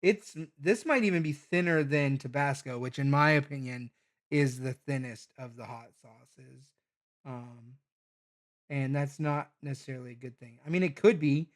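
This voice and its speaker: A man's voice: mid-range voice, normal speed. A man casually thinking aloud as he reviews hot sauces, rambling with lots of fillers and restarts. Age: adult parent.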